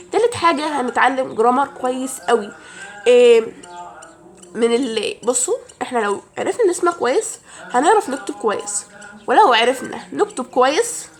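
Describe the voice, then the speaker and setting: Speaking in a high-pitched voice with an Egyptian Arabic accent, a young woman offers chatty language-learning tips directly to her viewers, as if talking to a friend, in a casual advice vlog.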